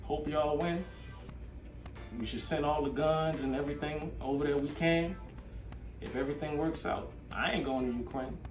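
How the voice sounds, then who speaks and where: A man's voice: a little high, fairly even intonation, normal speed. Guy hosting a podcast, blunt and casual, echoey room, music going behind him. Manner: blunt, plainspoken opinions. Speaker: podcast host. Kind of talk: casual chat. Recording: roomy, distant mic, music behind.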